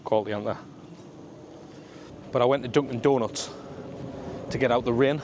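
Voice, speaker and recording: Male travel vlogger, Sunderland accent, colloquial and matey, mid-pitched, walking outdoors with some traffic noise behind. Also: steady tone, normal speed, a little mellow. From Sunderland, north-east England. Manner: colloquial, matey, full of regional slang. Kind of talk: casual walking vlog chat to camera. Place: outdoors on a suburban street in the rain.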